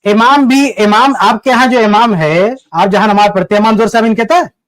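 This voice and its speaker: A man with a very high voice hosts a live debate call-in. He presses insistently and asks the same pointed question again and again. The sound is dry and close, with no room in it. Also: a bit bright, no room sound. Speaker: host questioning a caller.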